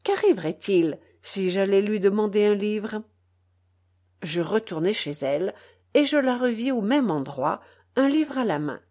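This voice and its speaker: Woman narrating a novel, measured. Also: mid-range voice, expressive, darkish tone. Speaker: audiobook narrator. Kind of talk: scripted narration.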